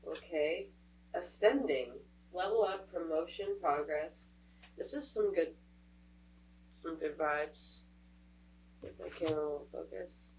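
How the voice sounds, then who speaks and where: A woman with a low, slightly mellow voice gives a casual tarot reading, taking it slowly with long pauses. She's stuffed up from a cold, chatty, and thinking aloud. Her voice is a bit distant from the mic, with a faint hum in the background.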